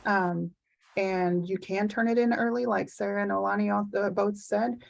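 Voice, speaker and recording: Gravelly-voiced woman giving earnest reminders. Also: medium pitch, fairly even intonation, moderate pace, low-quality recording. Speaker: grant program officer. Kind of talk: online meeting remarks.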